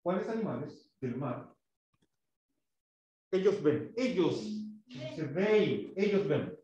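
A man's voice: a little high, expressive, slow pace, warm tone. A man teaching an English class, patiently explaining and modelling pronunciation for his pupils. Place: school classroom. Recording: echoey classroom, far from mic, dull.

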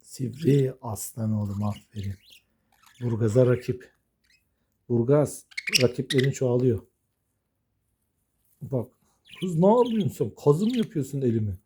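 A man's voice: medium pitch, expressive, unhurried, pauses often, dark tone, slight background noise. A man talking affectionately to his pet budgies in casual, coaxing baby talk. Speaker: budgie owner.

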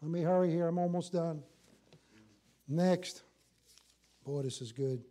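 High-voiced older preacher, mellow tone. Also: male voice, a little slow. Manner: animated, folksy, jokey, with rhetorical questions to the congregation. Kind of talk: church sermon. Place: church sanctuary, in front of a small congregation.

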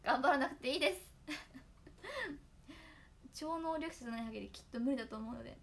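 A young idol trainee streams solo to her fans, chatting casually, working through tongue twisters and giggling often. Her voice sits high and is expressive, at a normal speed.

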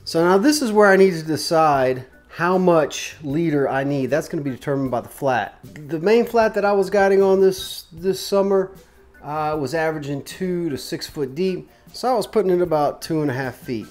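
A man's voice: fairly high pitch, normal speed, faint music behind. A man in his forties, a fishing guide and show host, casually explaining step by step how to tie a rig in a small workshop, talking close to the camera. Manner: relaxed, chatty, explains step by step while tying knots. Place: small indoor tackle workshop.

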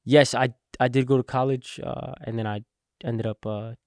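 A New Jersey man in his twenties, a logistics entrepreneur appearing as a guest, tells his business story earnestly and steadily, with fillers and some vocal fry. His medium-pitched voice comes at a moderate pace through a boom-mounted podcast mic in a warehouse set, with no echo.

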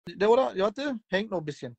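A man's voice: high voice, animated, quick pace, a little mellow. A man in his thirties chatting casually on a livestream in colloquial slang with Arabic expressions, talking into a phone indoors. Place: indoors, lying in bed in a room. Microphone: phone held close, video call livestream.

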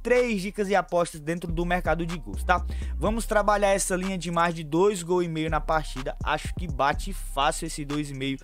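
A young man from Brazil giving quick football betting tips to his viewers, chummy and brisk, calling them family. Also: a little high, fairly even intonation, fairly bright tone, soft background music. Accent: Brazilian Portuguese, São Paulo fan. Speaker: sports betting tipster. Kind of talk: fast betting tips over screen share. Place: small room at home.

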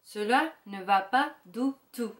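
A woman's voice: fairly high pitch, slow, echoey room. A woman doing a fussy big wolf. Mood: dismayed. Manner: exclaiming in dismay. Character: fussy big male wolf, never pleased.

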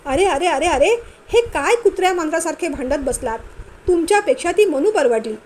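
A kindly mother-in-law who scolds the quarrelling couple with affection, read by a woman narrator. Her voice sits high. There is a faint hum in the background. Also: animated, a little fast, darkish tone. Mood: chiding. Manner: affectionate, chiding. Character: gentle older mother-in-law.

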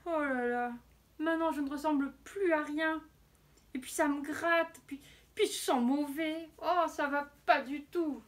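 Teacher lady putting on a grumpy big wolf from a picture book, high and swoopy, groans at everything. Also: sing-song, slow pace. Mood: whining. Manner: exclaiming, sighing at himself.

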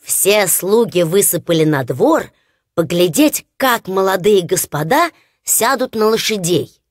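A woman narrating a fairy-tale audiobook in an expressive storytelling manner. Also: mid-range voice, a little slow, no echo, studio quality.

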